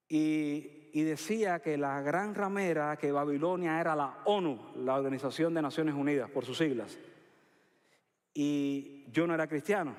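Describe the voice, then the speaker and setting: Cuban man preaching, high voice, emphatic, leans on key words, reverberant hall. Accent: Cuban Spanish. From Cuba. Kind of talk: sermon.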